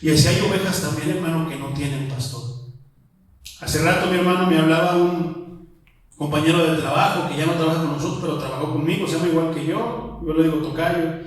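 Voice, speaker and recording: A man's voice: fairly high pitch, fairly even intonation, a little fast. A man with a Mexican accent preaching a sermon as pastor, talking conversationally with many rhetorical questions and frequent appeals to "my brother". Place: church prayer hall. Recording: very echoey hall, voice from far off.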